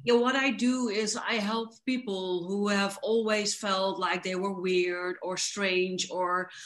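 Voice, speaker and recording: A woman speaks as an interview guest, explaining her coaching work at a medium pitch. She is fluent and enthusiastic, moving easily from one point to the next. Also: steady tone, takes it slowly, fairly bright tone. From the Netherlands. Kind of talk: casual interview.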